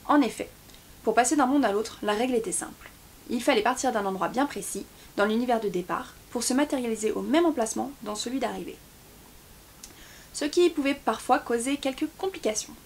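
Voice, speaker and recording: A woman reading a novel chapter aloud in a steady voice, with small slips and restarts now and then. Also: fairly high pitch, brisk, breathy edge. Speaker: book YouTuber.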